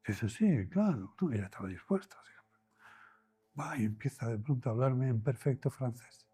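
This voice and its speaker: A man's voice: mid-range voice, normal speed, breathy edge. A man from Spain, a doctor, telling his own experience in an interview, acting out dialogue as he speaks. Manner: animated storyteller, acts out dialogue in quoted voices. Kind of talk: storytelling in an interview.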